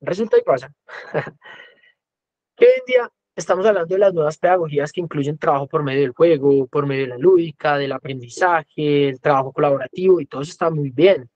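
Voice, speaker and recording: A man's voice: a little high, fairly quick, darkish tone, dry recording, highs cut off. A man with a Colombian accent giving an educational talk as a music teacher, lecturing conversationally. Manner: conversational lecturing, often acting out quoted voices. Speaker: music teacher, guest speaker.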